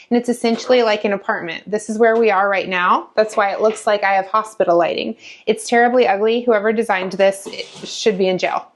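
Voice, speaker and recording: A woman's voice: medium pitch, background noise. A woman who is a military spouse, talking through life on base in a matter-of-fact, chatty way with wry asides, recorded on a lapel mic in a small apartment kitchen. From United States. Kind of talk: casual explainer vlog. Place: small temporary lodging apartment kitchen, indoors. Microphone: clip-on lapel mic.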